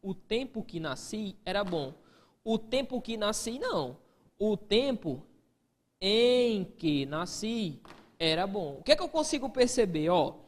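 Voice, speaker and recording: A man's voice: high-pitched, sing-song, a little slow, big-room sound. A man teaching an exam-prep grammar lesson, posing students' questions to himself and answering them. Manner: answers imagined student questions, peppers speech with "ó".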